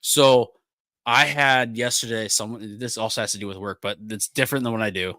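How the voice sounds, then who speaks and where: A young man, co-hosting a casual podcast and telling animated stories with frequent laughs. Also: medium pitch, fairly quick, dry recording. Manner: animated storyteller, laughs often. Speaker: podcast co-host. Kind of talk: casual chat.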